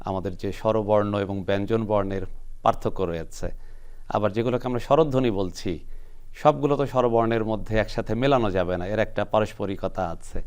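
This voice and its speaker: A man hosting a studio discussion, asking formal, measured questions. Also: on the low side, a little mellow, smooth. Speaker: host.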